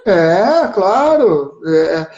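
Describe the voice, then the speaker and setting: Co-hosting a live stream with a southern Brazilian gaúcho accent, a man explains things patiently in casual chat, often checking in with "né?" and "certo?". His high, somewhat mellow voice swings widely in pitch and moves extremely slowly, and the audio is roomy and dull.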